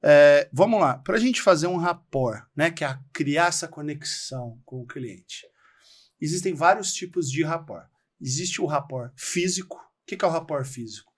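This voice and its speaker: A Brazilian man speaking as a guest on a podcast, explaining things in an animated way and acting out little bits of dialogue. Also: on the high side, moderate pace. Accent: Brazilian Portuguese. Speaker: podcast guest, real estate trainer. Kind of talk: casual podcast conversation.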